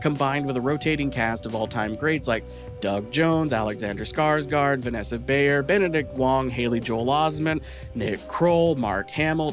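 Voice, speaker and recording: Male video host, mid-pitched, scripted review narration over light background music.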